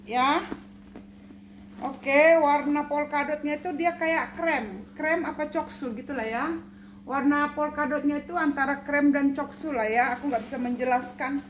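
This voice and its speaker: A woman running a chatty live-stream sale of second-hand bags, repeating prices and coaxing viewers with endearments. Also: high voice. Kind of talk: live-stream sales pitch. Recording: roomy echo, faint background noise.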